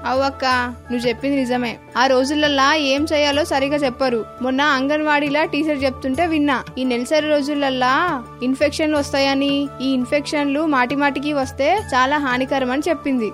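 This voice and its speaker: A chatty younger village woman , voiced by a woman, in a radio drama with a Telangana accent. She talks quickly in a high voice, agreeing and chiming in, over soft music. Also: level tone, natural voice. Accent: Telangana Telugu.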